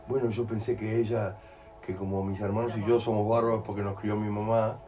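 Rioplatense male speaker, low-pitched, lively storyteller, live talk, faint music in the room. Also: brisk, muffled recording. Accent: Rioplatense Spanish. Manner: animated storyteller, acts out voices, keeps asking "¿entendés?". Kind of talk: in-person talk with audience questions.

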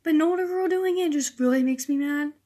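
A woman's voice: sits high, a little fast, warm tone. A teenage girl hosting her own casual podcast, rambling in a sarcastic, exasperated way. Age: teens. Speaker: podcast host. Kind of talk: casual solo podcast rant.

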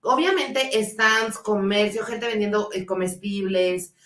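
A woman with a Mexican accent, co-hosting a podcast and recounting a story in a relaxed, chatty way. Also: medium pitch, slow, echoey room. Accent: Mexican Spanish. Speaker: podcast co-host. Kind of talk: casual chat.

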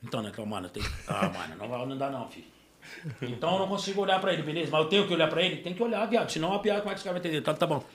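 A man hosting a podcast, telling funny stories in an animated, slangy, joking way. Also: a little high, very fast, a little hiss or hum. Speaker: podcast host. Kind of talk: casual chat.

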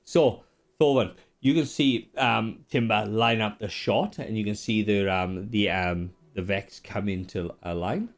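A man narrating as game master, describing scenes with many pauses and fillers. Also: fairly low pitch.

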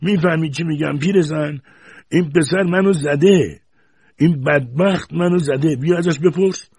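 Old grandfather, over 60, sour and quick to mock; a male narrator plays him, raised, husky storybook voice. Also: darkish tone, dry recording, clean studio sound. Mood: outraged. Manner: shrill, mocking and outraged. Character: mocking, irascible old grandfather.

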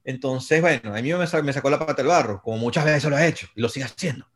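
A man with a Venezuelan accent telling casual, rapid, slang-filled anecdotes as a concert promoter. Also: medium pitch. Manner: rapid, slangy, profanity-laced. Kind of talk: casual storytelling.

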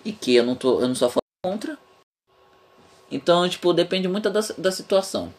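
A man's voice: sits high, lively intonation, brisk. Rambling young man on a podcast. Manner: rambling, frank, swears freely, often laughs. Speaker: podcast host. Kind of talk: casual podcast chat.

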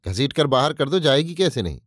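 A man's voice: mid-range voice, big pitch swings, fairly quick, no echo, clean studio sound. A man voicing a callous, scornful rich host who speaks curtly and harshly. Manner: curt, dismissive and harsh.

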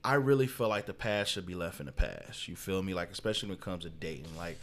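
A man with a lowish voice that swings widely as he talks, swearing freely and animated on a casual podcast. He jumps into the conversation with energy. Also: fast talker, slight background noise. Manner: animated, profane, laughing. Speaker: podcast co-host. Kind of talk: casual chat.

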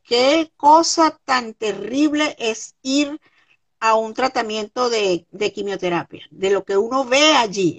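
High-voiced Venezuelan woman, earnest. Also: fairly bright tone. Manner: earnest, repeats words for emphasis. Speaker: guest, comedian. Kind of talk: conversational interview.

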